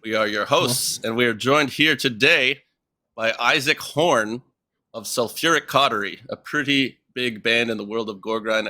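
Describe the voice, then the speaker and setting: Bright-voiced joking male podcast host. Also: mid-range voice. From Canada. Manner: jokey, chatty, quick asides. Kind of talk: casual interview chat.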